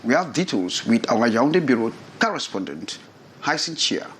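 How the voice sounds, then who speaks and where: A man's voice: medium pitch, big pitch swings, moderate pace, fairly bright tone, slight background noise. A man with a Cameroonian accent presenting the news as an anchor.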